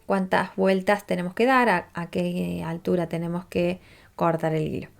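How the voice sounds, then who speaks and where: A woman's voice: lowish voice, steady tone, moderate pace, gravelly. A woman, patiently teaching a crochet tutorial step by step and checking in with listeners as she counts rows aloud. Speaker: crochet instructor.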